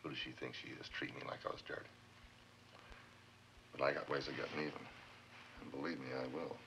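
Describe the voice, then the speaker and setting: A sneering, vengeful diner cook. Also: male voice, extremely low pitch, little pitch movement, brisk, very noisy. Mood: bitter. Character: resentful diner cook man, bitter and vengeful. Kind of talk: 1950s film noir acting.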